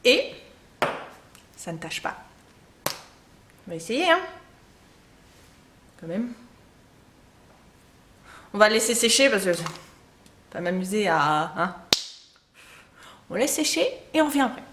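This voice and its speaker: Chatty mom vlogger doing beauty tips, lots of ums and giggles, roomy echo. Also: female voice, mid-range voice, very animated, slow pace, pauses often, background noise. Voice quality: chatty, laughs often, many fillers. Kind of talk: casual beauty tips chat.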